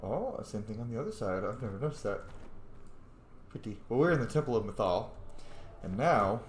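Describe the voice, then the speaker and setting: This streamer's fairly low voice has a sing-song lilt and moves fairly quickly. As host of his channel, he delivers casual let's play commentary and reacts wryly aloud, recorded in an echoey room with faint game noise.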